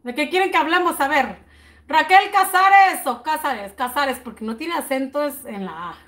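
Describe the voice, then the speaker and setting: A woman with a high, bright-pitched voice hosts a casual live stream for her baking channel. She greets viewers one by one, stretching out their names, and works through cake prices out loud in a chatty, homey way. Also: big pitch swings. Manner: chatty, greets viewers by name with slow drawn-out words; thinks aloud while working out prices.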